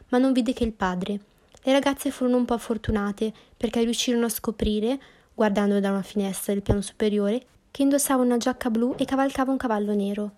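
A woman narrating a classic novel as an audiobook, reading calmly and evenly. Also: a little high.

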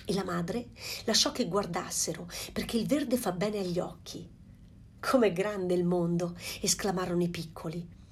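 A woman narrating a fairy tale aloud in a calm storytelling manner. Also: lowish voice, normal speed, a little hiss or hum.

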